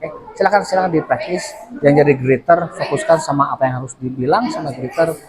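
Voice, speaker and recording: A man's voice: fairly high pitch, lively intonation, fast. Sundanese-accented man teaching a class. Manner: coaching, repeats words for drilling. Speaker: English teacher. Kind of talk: classroom instruction. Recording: noisy classroom with chatter. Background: student chatter.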